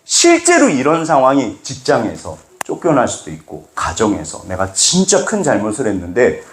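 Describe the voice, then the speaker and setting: A middle-aged man preaching a sermon as pastor, acting out little dialogues with sudden jumps in pitch. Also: huge pitch swings, normal speed, reverberant. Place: church sanctuary.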